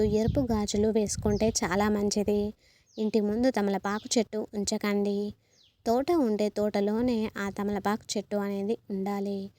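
A woman hosting her channel, giving a steady, instructive spoken list of household dos and don'ts. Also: medium pitch, dry recording. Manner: steady, instructive, lists rules one after another. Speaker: channel host.

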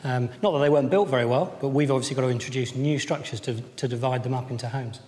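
A man's voice: mid-range voice, fast talker, a little mellow. Man in his thirties, developer on a site walk; hesitant, lots of ums and restarts, echoey room. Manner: hesitant, many fillers and restarts. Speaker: housing developer. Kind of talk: on-site interview. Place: large empty old building indoors. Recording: echoey hall with faint noise.

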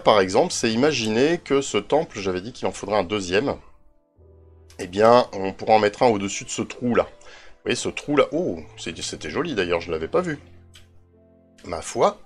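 A man hosting a casual game tutorial, thinking aloud as he reads out coordinates, with self-mocking asides and drifting away from his desk mic at times. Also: medium pitch. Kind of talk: casual screen-recorded tutorial.

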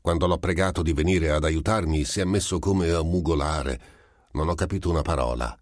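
A man's voice: extremely low pitch, a little fast, dry recording, studio quality. A man reading the part of an irritable, suspicious merchant who answers rudely and defensively. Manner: curt, defensive, increasingly loud. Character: irritable suspicious male merchant, middle-aged.

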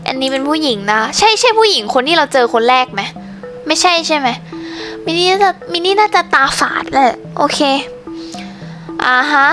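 Young woman gaming host, very high-pitched and bright, chatty and exclaiming. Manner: chatty, exclaiming, talks to viewers. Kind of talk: casual game commentary.

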